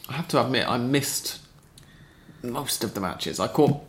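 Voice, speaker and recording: A man's voice: mid-range voice, lively intonation, measured pace, a bit bright, a little hiss or hum. A man hosting a casual podcast chat, reading out listener questions in a chatty, dry way. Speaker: podcast host.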